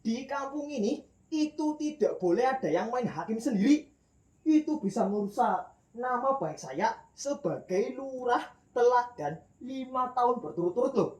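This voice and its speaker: A man's voice: extremely high pitch, expressive, normal speed, darkish tone. A man playing a pompous village head. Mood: self-important. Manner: self-important, lecturing. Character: pompous middle-aged male village head. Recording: roomy echo with faint music.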